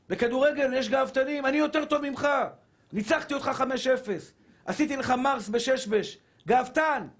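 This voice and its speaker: A man preaching a Torah sermon as a rabbi, fervent and shouting, repeating phrases for emphasis and calling listeners his brothers. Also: extremely high pitch. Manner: addresses listeners as brothers and dear souls.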